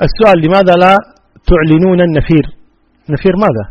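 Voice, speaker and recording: A man's voice: sits high, racing, muffled recording. A man, an Islamic scholar who reads out listeners' questions and answers them firmly and plainly. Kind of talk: religious question-and-answer session.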